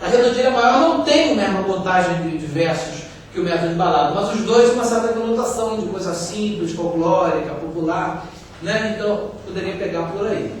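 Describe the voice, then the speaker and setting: High-voiced Brazilian man lecturing in an echoey hall. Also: brisk. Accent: Brazilian Portuguese. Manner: explanatory, frequent tag questions. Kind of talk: university lecture. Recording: very echoey hall, distant mic, faint hiss.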